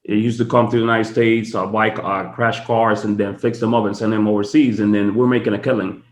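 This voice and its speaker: A man's voice: fairly low pitch, flat delivery, a little fast, echoey room, slight background noise. A man from the Dominican Republic, a podcast guest, telling his story in casual, chatty talk full of fillers from his home office. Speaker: guest, tax strategist.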